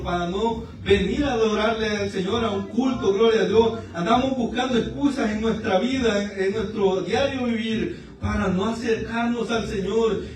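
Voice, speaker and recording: A man preaching a fervent evangelical sermon at a church service, mixing teaching with an emotional personal testimony. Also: high-pitched. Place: church service in a large room. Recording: very echoey room, voice far from mic.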